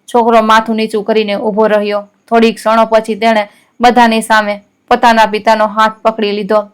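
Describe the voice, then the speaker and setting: A woman narrating a scripted story in a steady, measured reading. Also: fairly high pitch, clear, resonant tone.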